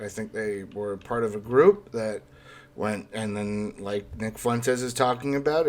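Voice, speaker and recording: A man in a casual political discussion, speaking in a halting way and often correcting himself. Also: medium pitch.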